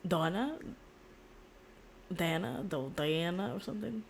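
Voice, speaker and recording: This female streamer has a lowish, gravelly voice with lively intonation, talking a little slowly. Her live-stream chatter is casual, rambling and blunt, full of slang and repeated words, backed by game sounds and faint noise.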